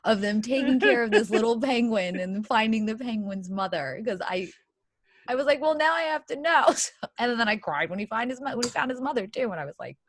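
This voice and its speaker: Husky, lively-voiced woman telling stories. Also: fairly high pitch, a little fast, dry recording. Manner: profane, animated storytelling. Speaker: podcast guest. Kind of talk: casual chat.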